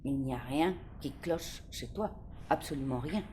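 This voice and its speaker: A woman reading aloud and voicing a kind middle-aged librarian who speaks softly and reassuringly, sometimes a little stern. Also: lowish voice, expressive, fairly quick, slight background noise, lightly acted. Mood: gentle. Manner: soft, reassuring, at times gently stern.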